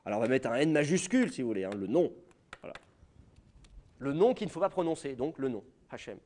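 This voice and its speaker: A man's voice: mid-range voice, lively intonation, fast talker, a little mellow. A man with a French accent giving a university lecture, explaining to students directly, with many fillers. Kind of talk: classroom lecture.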